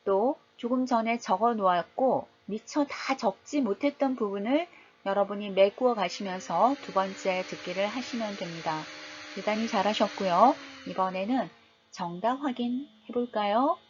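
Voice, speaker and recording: A woman's voice: mid-range voice, moderate pace, slight background noise. A woman English teacher giving a patient, explanatory lecture on pronunciation and modeling English words aloud. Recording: dull lo-fi recording.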